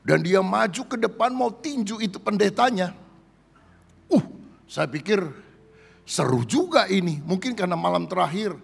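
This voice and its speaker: A male pastor preaching a sermon, telling stories to his congregation and often calling them brothers and sisters, with big swings in pitch and loudness. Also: creaky, husky, big-room sound.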